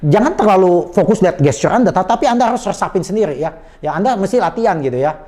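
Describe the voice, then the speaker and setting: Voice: mid-range voice, animated, fast talker, mellow. A sales trainer explaining communication tips in an emphatic, conversational coaching style, politely adding "Pak" to many sentences. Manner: acts out sample phone greetings in a changed voice. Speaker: sales and body language trainer.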